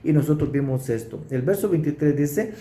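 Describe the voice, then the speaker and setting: A man gives an expository sermon, walking through the verses and stopping to stress key points. His voice sits a little high yet sounds deeply mellow and dark, with a lively, swinging pitch. The room around him rings with noticeable echo. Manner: explanatory, pauses to stress verses. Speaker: preacher. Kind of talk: expository Bible teaching. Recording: roomy echo.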